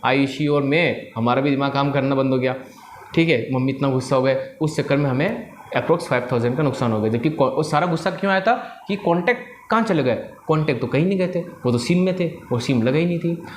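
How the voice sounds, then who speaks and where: A young Indian English trainer tells students a motivational story in a lively way, mixing Hindi and English and checking in with "right?" His medium-pitched voice moves fast, with a little hiss or hum and a roomy echo.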